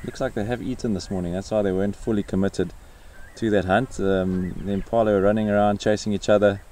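A man narrates a safari in a low, very mellow voice with little rise or fall. He is casual and understated, like a guide talking to viewers from the bush. Faint outdoor insect noise sits behind him. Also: fairly even intonation, fast talker. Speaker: safari guide and wildlife vlogger. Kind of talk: casual wildlife narration to camera. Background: faint crickets and bush ambience.

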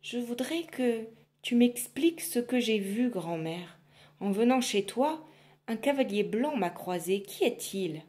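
A woman voicing a timid young peasant girl in a storybook reading, soft and pleading. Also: on the high side, animated, measured pace, pitched above the performer's own voice.

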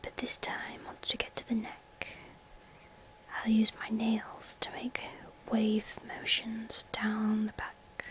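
A woman playing a gentle, soothing spa massage therapist in a soft-spoken whispered role-play, slow and reassuring. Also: a little high, monotone.

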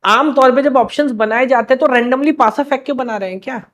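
A young man with a very high, fairly bright voice teaches live, quizzing his class in quick bursts and playfully reprimanding students to spur them on.

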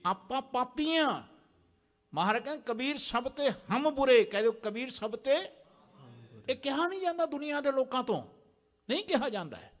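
A man's voice: very high-pitched, sing-song, brisk. A man preaching a sermon in a large temple prayer hall, exhorting the congregation and having them repeat lines after him. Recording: long hall reverb.

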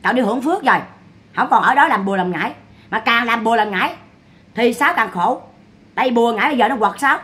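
A woman's voice: a little high, expressive, quick pace, fairly bright tone. A woman giving mocking, scolding gossip commentary. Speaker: online commentator.

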